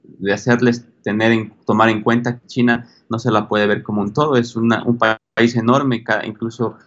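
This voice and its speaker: A man's voice: mid-range voice, level tone, moderate pace, highs cut off. A man from Ecuador, a business consultant, answering interview questions hesitantly, with many fillers and restarts.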